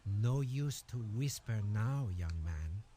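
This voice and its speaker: A fussy male collector of rare voices from an adventure game. He talks slowly and deliberately, with a self-important, measured air. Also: fairly low pitch, animated, mellow, a little hiss or hum. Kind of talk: game voice acting.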